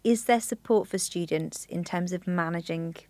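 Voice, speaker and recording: A woman's voice: lowish voice, moderate pace, darkish tone, no echo. A woman hosting a podcast who reads composed links and asks interview questions. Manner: composed, scripted link reading. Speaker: podcast host.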